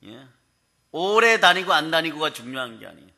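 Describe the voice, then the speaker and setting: A male pastor preaching a sermon in a humorous, lively way, often prompting the congregation to answer. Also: a little high, a little fast. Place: prayer house sanctuary.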